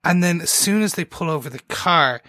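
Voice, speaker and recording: Man, podcast co-host, rambling, enthusiastic, slightly high voice, bright tone. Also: lively intonation, fairly quick, no room sound, studio quality. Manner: rambling, enthusiastic, self-interrupting. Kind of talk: casual TV recap chat.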